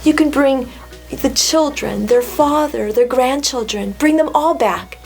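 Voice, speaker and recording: A woman's voice: high voice, measured pace, gravelly, darkish tone, soft background music. A woman playing a glad, generous king.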